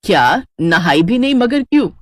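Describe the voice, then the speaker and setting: A woman voicing a sharp-tongued middle-aged mother-in-law in a storybook tale, scolding and vengeful. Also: mid-range voice, big pitch swings, moderate pace, dry recording, clean studio sound. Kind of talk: storybook character voice.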